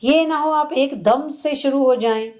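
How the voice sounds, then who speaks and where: A woman's voice: high voice, unhurried, darkish tone, poor audio. A woman coaching exam students in a video lesson, switching between Hindi and English. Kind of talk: video lesson on test tips.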